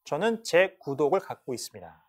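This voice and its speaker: A man's voice: on the high side, very animated, brisk. A man teaching an English test class in a lecture style, repeating words aloud to model how they are said. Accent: Korean. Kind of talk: lecture explaining listening questions.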